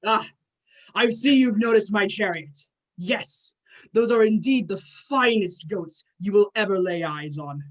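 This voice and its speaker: In a play reading, an amateur performer portrays a proud, gruffly impatient male thunder god who speaks in formal, archaic phrasing. The voice is natural, medium-pitched, and unhurried, with a courteous yet proud mood.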